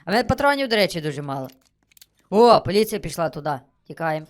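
A man giving excitable, chatty commentary while he plays a video game and thinks aloud. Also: high voice, quick pace. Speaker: gaming streamer. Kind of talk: casual gameplay commentary.

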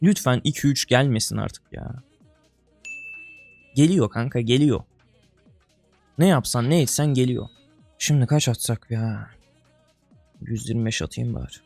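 A young gaming streamer offers casual commentary while playing an online game, exasperated and groaning, swearing under his breath and calling his viewers brother and buddy. His voice is medium-pitched, a little slow, creaky and a little mellow, with long pauses. The audio has no echo and soft background music.

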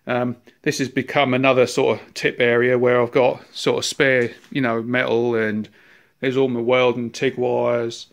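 A man in his fifties with a New Zealand accent walks through his large, cluttered workshop, filming on a handheld phone. He talks in a relaxed, rambling way full of fillers, his voice staying fairly flat and even. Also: medium pitch, normal speed, vocal fry. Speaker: workshop owner. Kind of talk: casual workshop tour. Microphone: handheld phone camera.

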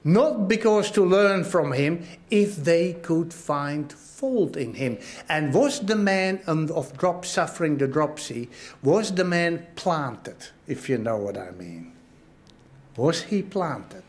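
Pastor guy preaching slow and earnest, kinda high voice, keeps asking do you understand. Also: animated. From Australia. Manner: earnest, repeats phrases, asks the congregation questions. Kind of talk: sermon.

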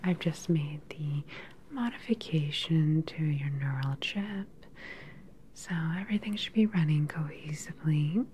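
Whispering close to the mic, a woman portrays an evil scientist in a sci-fi ASMR scene who stays calm and in control, her soft, breathy tone both soothing and menacing. Her slow, clinical attention feels personal. Low lab ambience hums faintly in the background.

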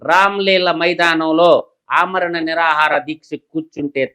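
A man, a political analyst who delivers heated commentary through rapid, combative rhetorical questions. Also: a little high, steady tone, sharp tone, smooth.

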